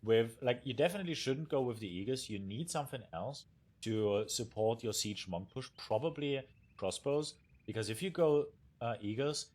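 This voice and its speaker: A man's voice: medium pitch, animated, normal speed, darkish tone. A young man with a German accent commentating a strategy game match as a caster, enthusiastic and sometimes searching for words. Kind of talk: esports commentary. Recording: faint game music behind.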